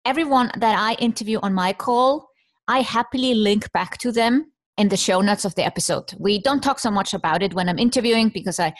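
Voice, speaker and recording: A woman from Iceland hosting a podcast, coaching her guest with lively questions and examples. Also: medium pitch. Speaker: podcast host and business coach.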